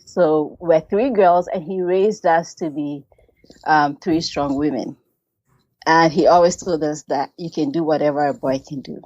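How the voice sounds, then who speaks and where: A woman from Ghana, a textile artist, talking as a guest in a relaxed, thoughtful way with many pauses and ums. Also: deep voice, no room sound, highs cut off. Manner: slow, thoughtful, frequent ums, laughs easily. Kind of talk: casual interview talk.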